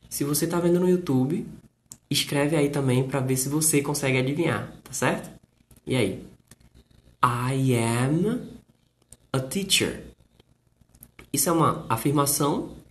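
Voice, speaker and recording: A man with a Brazilian Portuguese accent teaching English on a live stream. He explains slowly and repeats himself, with playful jokes, and reads out viewer comments. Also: fairly high pitch. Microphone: live stream setup.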